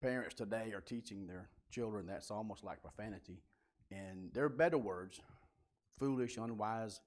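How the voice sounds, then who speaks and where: A man's voice: lowish voice, normal speed, a little mellow. A man teaching a Bible class in a church building, talking informally and putting questions to the group.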